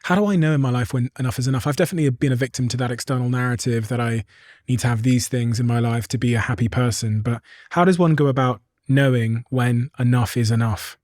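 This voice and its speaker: Male podcast host, casual interviewer, mid-pitched, dry close sound. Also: fast talker, darkish tone, dry recording. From United Kingdom. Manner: conversational, casual slang. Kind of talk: interview questions.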